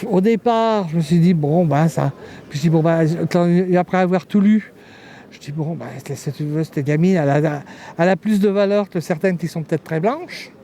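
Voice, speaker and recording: A man's voice: high voice, normal speed, dark tone. A man answering a street interview in a hesitant, folksy way. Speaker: festival-goer.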